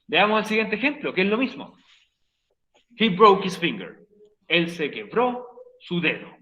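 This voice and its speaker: A high, bright male teacher explains grammar to his online class, teasing students and repeating each rule. The sound is roomy, with a dull, lo-fi stream quality. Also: sing-song, unhurried. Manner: playful, joking with students; repeats key points for the class. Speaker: English teacher.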